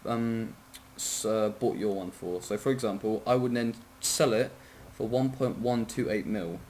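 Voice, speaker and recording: A man's voice: lowish voice, measured pace, a little mellow, a little hiss or hum. A man giving a casual, rambling game tutorial, sleepy and yawning, often apologizing, correcting himself and swearing.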